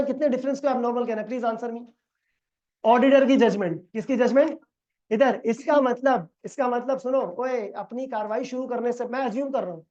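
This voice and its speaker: A man's voice: very high-pitched, mellow, lo-fi sound. A man teaching an accounting class, quizzing students and acting out dialogues in a lecture.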